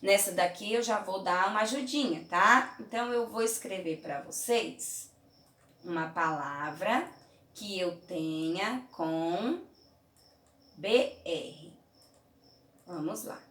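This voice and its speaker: A woman teaching young children in a remote lesson, from Brazil, patient and clear, often checking in with "tá?" and "certinho?". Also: mid-range voice, slow, fairly bright tone, far from the mic. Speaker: primary school teacher. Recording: roomy echo, mic held away.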